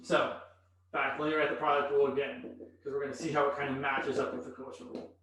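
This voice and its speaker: A man's voice: mid-range voice, little pitch movement, fast talker, a bit bright, a little hiss or hum. A man teaching calculus in a lecture, thinking aloud as he writes on the board. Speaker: math instructor. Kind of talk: recorded classroom lecture. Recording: echoey room, voice from a distance.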